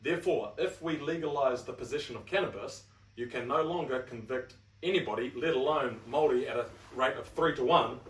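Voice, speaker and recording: Brisk and a bit bright at medium pitch, this young New Zealand-accented man co-hosts a casual podcast chat. He reads out points, then takes them apart with wry, talkative humor, recorded in a roomy space with the mic set back from him.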